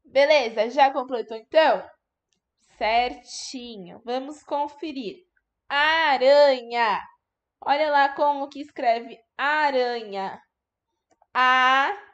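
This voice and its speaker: A woman teacher with a high voice speaks slowly to small children, stretching out each syllable for them to hear. She is patient and encouraging throughout. The sound is dull and lo-fi, like a home video recording. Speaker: primary school teacher. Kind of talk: recorded remote lesson for young children.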